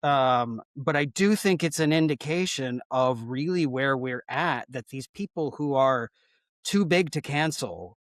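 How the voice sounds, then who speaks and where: A man's voice: medium pitch, unhurried, no echo, clean studio sound. A man in a casual podcast discussion, thoughtful and hedging, with fillers and sighs. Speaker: podcast panelist.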